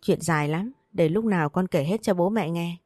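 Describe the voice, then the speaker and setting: A woman's voice: on the low side, normal speed, darkish tone, dry recording, studio quality, faint music behind, lightly acted. Woman reading as an easygoing young man.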